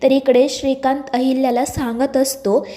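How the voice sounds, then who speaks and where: A woman reading a scripted recap of a TV serial episode in a steady storytelling manner. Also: sits high, normal speed. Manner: steady read-aloud storytelling. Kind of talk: scripted narration.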